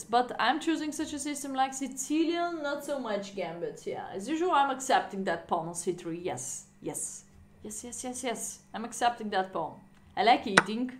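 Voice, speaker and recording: A woman whose voice leans a bit high streams chess from an indoor room at home. Bulgarian is her first language, and her casual commentary is chatty, laughter-filled, and marked by non-native phrasing.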